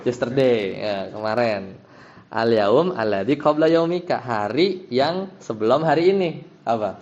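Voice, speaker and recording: A man's voice: mid-range voice, expressive, measured pace, a little mellow. A man, an Islamic teacher, explaining Arabic grammar to a class, patiently checking that his students follow. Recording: dull lo-fi sound.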